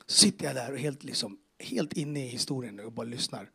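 Husky man telling a faith testimony. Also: mid-range voice, bright, forceful tone. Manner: casual storytelling with street slang, reenacting dialogue; emotional, earnest. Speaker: speaker giving a personal faith testimony. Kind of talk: church testimony told to an audience.

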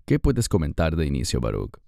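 A man hosting a Bible discussion, speaking in an earnest, measured way. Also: extremely low pitch, wildly swooping pitch, creaky, mellow, no echo, clean studio sound. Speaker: host.

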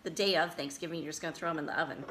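A woman's voice: deep voice, fairly even intonation, racing, a bit bright, slight background noise. A middle-aged woman co-hosting a show, chatting enthusiastically over a dinner table and laughing often. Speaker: show co-host. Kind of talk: casual chat over a dinner. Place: dining table indoors.

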